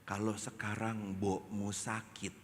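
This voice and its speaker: A quiet, devoted old husband, put on by a preacher speaks in a low, hushed, tender voice. His words come slowly and softly, close to a whisper. The sound rings with the long reverb of a church hall. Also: flat delivery, a little hiss or hum.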